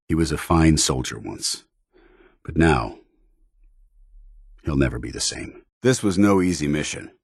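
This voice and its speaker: A stern, loyal paladin soldier in a video game. His voice is deep and gruff, a little husky, recorded dry and close. He speaks in clipped, commanding, formal military phrases. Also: no room sound, full character voice. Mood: somber, regretful, then measured approval. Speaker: military companion character.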